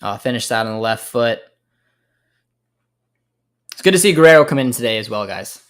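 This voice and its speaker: With a mid-range, expressive, slightly bright voice at normal speed, a young American hosts a football watchalong. He chats loosely with his audience and reads their messages, reacting to plays and thinking out loud with frequent filler words.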